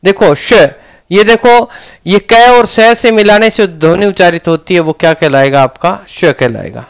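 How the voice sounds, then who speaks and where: A man's voice: high-pitched, unhurried, smooth. A man with a Rajasthani Hindi accent teaching a grammar lesson, often asking questions and answering them himself.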